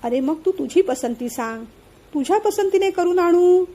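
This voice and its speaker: Woman reading as a meddling, sharp aunt. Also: extremely high pitch, animated, normal speed, voice pushed up. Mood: prying. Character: meddling, sharp-tongued middle-aged aunt.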